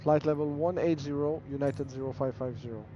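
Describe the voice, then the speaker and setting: A man acting as an airline pilot on a cockpit headset, reading back clearances in crisp, clipped radio phraseology and calling out takeoff checks. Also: fairly high pitch, steady tone, a little fast, mellow, dull audio, slight background noise. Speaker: flight simulator player acting as airline pilot.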